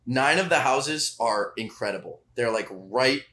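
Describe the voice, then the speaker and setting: A young man in casual conversation with an old friend, speaking at an ordinary middle pitch. He is laid-back and joking, laughing easily as he tells stories. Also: expressive, a little slow, bright, forceful tone. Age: young adult. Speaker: college student guest. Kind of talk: casual chat.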